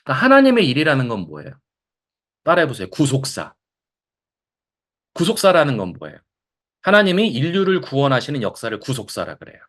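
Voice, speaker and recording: A man giving a lively Bible lecture, asking the audience questions and acting out quotes. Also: medium pitch, brisk, pauses often. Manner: animated, acts out quotes, asks the audience questions. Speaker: Bible lecturer at a counseling center.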